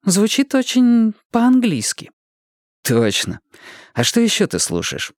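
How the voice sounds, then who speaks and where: A man reading an audiobook voices a calm, encouraging woman who coaches a learner driver. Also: high-pitched, slow, dry recording, clean studio sound, voice pushed up, heavily acted.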